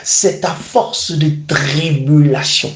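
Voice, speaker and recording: A man's voice: fairly high pitch, steady tone, slow pace. A man preaching a sermon, emphatic and repeatedly calling his listeners beloved. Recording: echoey room.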